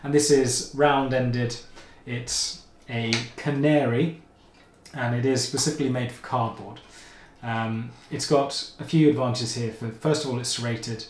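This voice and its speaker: A man's voice: mid-range voice, steady tone, measured pace, slight background noise. A man hosting a maker channel, showing tools in a rambling, chatty way and correcting himself as he goes. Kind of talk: casual tool demonstration. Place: home kitchen. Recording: echoey room, faint ambience.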